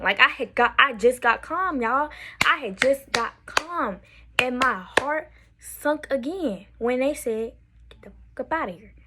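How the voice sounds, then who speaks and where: A woman telling a story to her camera in a casual storytime vlog, in an animated, repetitive way. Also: on the high side. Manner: animated, repetitive, drops to a whisper for swear words.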